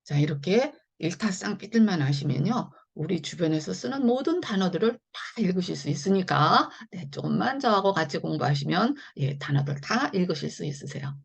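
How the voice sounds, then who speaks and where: A woman's voice: on the low side, animated, normal speed, vocal fry, hardly any pauses, husky. A woman teaching English phonics in a chatty, step-by-step online lesson. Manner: chatty, repeats "자" and "네" often, explains step by step.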